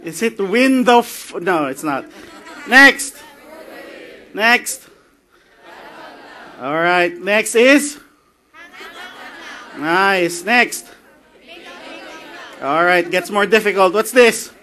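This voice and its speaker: A man's voice: sits high, expressive, extremely slow, long pauses, bright, forceful tone, some chatter behind, slight background noise. A man with a Filipino accent giving a joking, chatty conference talk and slipping in Tagalog phrases. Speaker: conference speaker. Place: conference hall.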